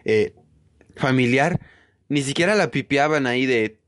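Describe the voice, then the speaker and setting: A man's voice: medium pitch, a little slow, fairly bright tone. A man with a Mexican Spanish accent in a profane, rambling, mocking comedic monologue.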